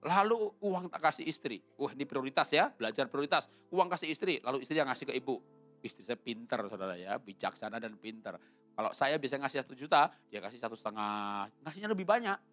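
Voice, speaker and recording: A man from Solo, a pastor telling a humorous sermon story that suddenly jumps high and loud, then closing in prayer. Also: expressive, quick pace, soft background music. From Solo, Central Java, Indonesia.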